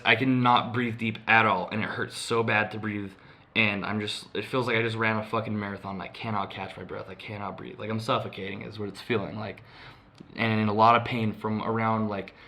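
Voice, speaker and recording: A man's voice: lowish voice, level tone, fairly quick, pushed and bright. A young man co-hosting a podcast, telling a long story in a rambling, casual way, with lots of swearing and filler words. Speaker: podcast co-host.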